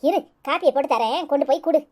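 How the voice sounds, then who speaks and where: A woman voicing a scheming, bossy mother in a cartoon, with a Tirunelveli accent, giving her daughter hushed advice. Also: quick pace, lightly acted. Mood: conspiring. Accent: Tirunelveli Tamil. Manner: low-voiced, conspiring.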